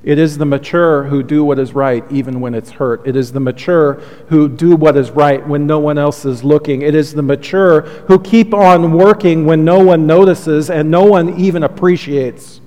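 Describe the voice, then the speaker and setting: Preaching as a pastor, this man speaks at a normal speed with a fairly high voice and barely pauses. His sermon is earnest and heartfelt, soothing in tone, broken by quiet confessional asides, all carried on a long hall reverb.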